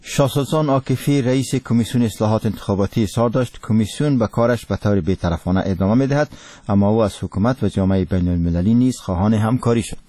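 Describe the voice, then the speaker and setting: A man reads the radio news in a solemn, formal manner with an Afghan Dari accent. His voice is fairly low and mellow, and the sound is dry and close. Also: no room sound. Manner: solemn, formal newsreader delivery. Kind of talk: scripted radio news reading.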